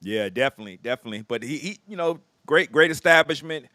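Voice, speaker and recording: A man hosts a relaxed conversation in an easygoing, affirming manner. His voice sits at an average pitch. The sound is dry, with no room echo. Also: quick pace. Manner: easygoing, affirming with frequent yeahs. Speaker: host. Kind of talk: casual chat.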